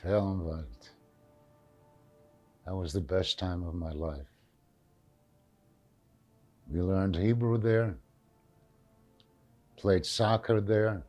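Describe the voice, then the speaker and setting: An old man with a Yiddish accent recalls his life at a slow pace in a lowish voice. He is plain-spoken, repeating short phrases and slipping Yiddish words into his answers. Faint music runs behind him. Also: steady tone, mellow. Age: elderly. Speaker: Holocaust survivor giving testimony. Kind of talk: reminiscing in an interview.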